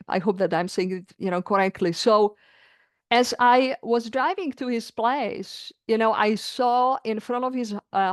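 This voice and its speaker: A middle-aged woman from the Czech Republic, a coaching client, earnestly recounts a personal experience in heartfelt, searching words. Her voice is fairly high, and the clean studio recording has no room sound.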